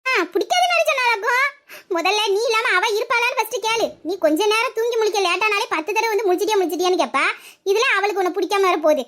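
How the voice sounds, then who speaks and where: A woman's voice: extremely high pitch, expressive, very fast, fairly bright tone. A woman voicing a patient, wry young mother who coaxes her son. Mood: coaxing.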